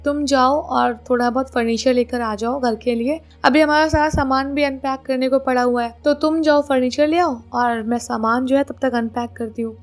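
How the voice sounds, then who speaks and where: A woman voicing a practical young wife and mother who briskly organizes the move and gently insists on getting things done. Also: high voice, steady tone.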